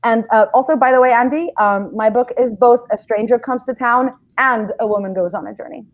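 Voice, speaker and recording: A woman in her thirties, born in Israel and raised in London, eagerly pitching her memoir over a video call. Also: fairly quick. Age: 30s. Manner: eager, talkative, lively storytelling. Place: home room, seated in a chair. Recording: dull lo-fi video call audio.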